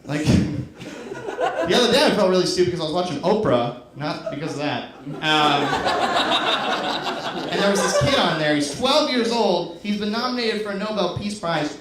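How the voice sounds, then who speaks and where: A man in his twenties performing a stand-up set in a comedy club, with a deadpan, self-mocking delivery that breaks into shouted bursts. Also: sits high, normal speed, pauses often, slight background noise. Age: 20s. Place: comedy club with a laughing audience. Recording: echoey club with crowd laughter.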